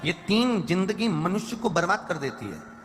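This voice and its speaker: A man's voice: high-pitched, very animated, moderate pace, soft background music. A man giving a devotional sermon, preaching emphatically in long repeated lists with rising stressed lines. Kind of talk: Hindi religious discourse. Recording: reverberant hall with faint ambient noise.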